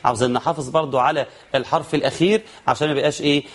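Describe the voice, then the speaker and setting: A man's voice: fairly high pitch, steady tone. Egyptian man teaching chanted Quran recitation. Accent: Egyptian Arabic. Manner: explains quickly, then chants verses slowly. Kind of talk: tajweed lesson with chanted examples.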